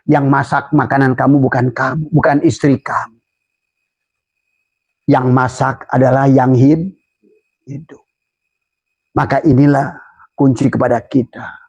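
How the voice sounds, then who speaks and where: An older man preaching a sermon, animated, jumping into loud high voices when he quotes others. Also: vocal fry, breathy edge, no room sound, muffled recording. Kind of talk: Sufi sermon.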